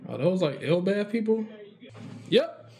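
A man's voice: sits high, measured pace, vocal fry, a little hiss or hum. A man co-hosting an anime reaction, chatting casually and joking, often acting out bits in silly voices. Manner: animated, jokey, acts out lines in put-on voices.

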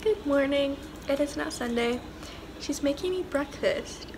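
A woman's voice: high-pitched, a little slow, noisy background. A teenage girl vlogging casually on a handheld camera, bubbly, giggly and a little dramatic. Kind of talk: casual vlog chat. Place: home and mall.

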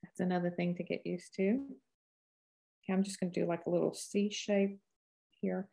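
An older woman in her sixties with a Cajun accent speaks in a fairly low voice. She gives a casual painting lesson, wandering in a folksy way from tip to tip as she thinks out loud. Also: level tone, normal speed, vocal fry. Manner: rambling, folksy, thinks aloud while painting. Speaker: painting teacher. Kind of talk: casual live painting tutorial.

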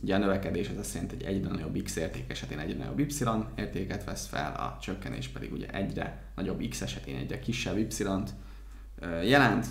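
A man with a low, gravelly voice walks students through math terms one by one, checking in with his co-host as he goes. The room has a noticeable echo. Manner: explains definitions step by step, agrees with co-host. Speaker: math tutor. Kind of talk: casual exam-prep explanation.

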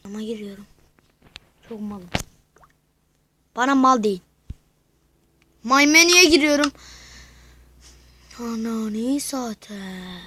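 A woman giving excitable live gameplay commentary as a YouTuber, swearing and shouting at the game, then dropping to whispers. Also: a little high, takes it slowly, long pauses, a little hiss or hum, low-quality recording. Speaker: gaming YouTuber.

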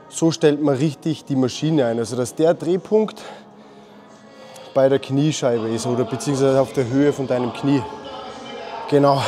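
A man's voice: on the high side, dark tone. A man explaining his leg workout in a casual, instructive way, dropping English gym slang. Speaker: fitness vlogger.

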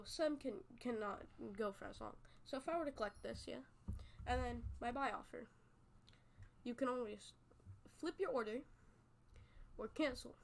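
A woman with a fairly high voice gives relaxed gameplay commentary into a desk mic. She rambles in a friendly way, restarting and correcting herself mid-sentence. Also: slight background noise. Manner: rambling, chatty, self-correcting. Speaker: gaming YouTuber. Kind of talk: casual game tutorial commentary.

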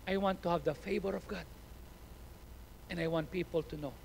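A man with a Filipino accent preaching a sermon as pastor, switching between English and Tagalog, dropping to quiet asides and rising to loud, pleading exhortation. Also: high voice, steady tone, moderate pace, creaky, a little hiss or hum, poor audio.

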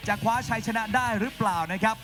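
High-pitched male fight announcer. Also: fairly even intonation, fast talker. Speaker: ring announcer. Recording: loud music behind the voice. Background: loud music.

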